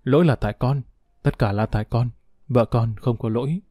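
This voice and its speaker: A man's voice: mid-range voice, moderate pace, warm tone, dry recording, clean studio sound, lightly acted. A man voicing a young man who apologizes with a choked voice, in a storybook reading. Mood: remorseful. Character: remorseful young man, pleading father.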